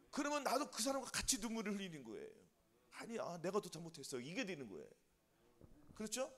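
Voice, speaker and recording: A man's voice: extremely high pitch, long reverb tail. A man preaching a sermon as pastor in a church. He keeps quizzing the congregation with either-or questions and waits for their answers. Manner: call-and-response questions to the congregation. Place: church sanctuary.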